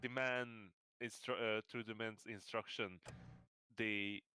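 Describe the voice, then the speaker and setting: A man's voice: fairly low pitch, fairly even intonation, slow pace, pushed and bright, smooth. A man running a tabletop game who playfully prompts his players to recap the last session. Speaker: game master. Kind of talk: casual game recap chat.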